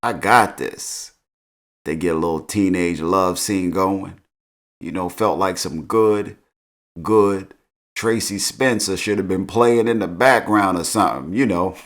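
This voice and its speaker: A man's voice: deep voice, fairly even intonation, unhurried. Laid-back slangy male show recapper. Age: middle-aged. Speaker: TV recap host.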